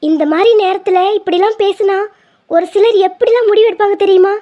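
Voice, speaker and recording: A woman's voice: very high-pitched, brisk, muffled recording. A woman voicing a blunt young female friend who scolds in a cartoon. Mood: chiding. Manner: chiding, blunt.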